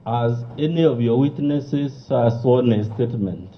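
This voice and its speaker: Forceful lawyer cross-examining. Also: male voice, mid-range voice, unhurried, a little hiss or hum. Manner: forceful, combative questioning. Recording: muffled lo-fi broadcast audio.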